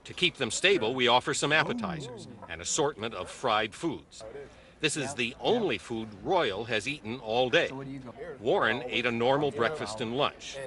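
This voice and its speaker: Lively wry male news narrator. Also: mid-range voice, moderate pace, crowd noise.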